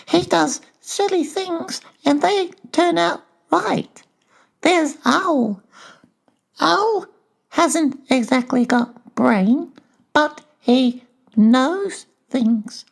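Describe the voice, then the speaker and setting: A tiny storybook piglet, speaks in a high, creaky voice. The childlike creature sounds anxious and forlorn, drawing out halting phrases at a slow, fretful pace. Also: male voice, heavily acted. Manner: halting, fretful, drawn-out delivery. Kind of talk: dramatized children's audiobook character voice.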